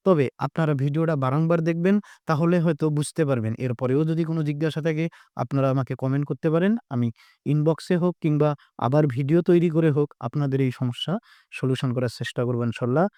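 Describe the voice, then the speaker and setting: A man's voice: a little high, fast talker, warm tone, no echo. A man teaching a grammar lesson, explaining step by step and answering his own questions.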